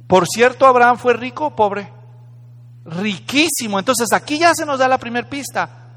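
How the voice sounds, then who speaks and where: A man's voice: extremely high pitch, animated, moderate pace, pushed and bright. A man preaching a sermon in a dramatic, conversational way, often putting questions to the congregation. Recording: echoey hall.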